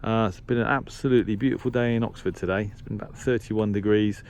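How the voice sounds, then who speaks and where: Fast and steady, with a low, darkish voice, a man presents an informal equipment review as a shortwave radio hobbyist, thinking aloud and stumbling as he goes. Slight background noise is audible.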